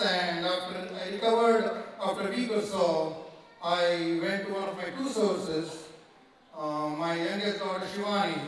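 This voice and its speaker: A middle-aged man with an Indian accent giving a joking, self-deprecating wedding speech as the bride's uncle. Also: high-pitched. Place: large reception hall. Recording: echoey banquet hall, mic far off.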